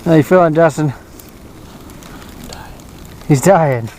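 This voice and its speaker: A somewhat high-voiced man talks his way through a winter camping vlog in an easygoing, rambling style, full of little chuckles and "uh"s. He is outdoors at a snowy campsite on a small action camera, with faint wind and storm noise behind him. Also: takes it slowly, darkish tone, rough recording. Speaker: outdoor vlogger. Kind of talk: casual camping vlog narration.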